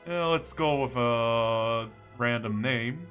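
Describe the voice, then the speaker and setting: A man's voice: medium pitch, slow, fairly bright tone, clean tone, faint music behind. A man casually commentating on a game livestream, thinking aloud and muttering to himself in short phrases. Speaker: game streamer.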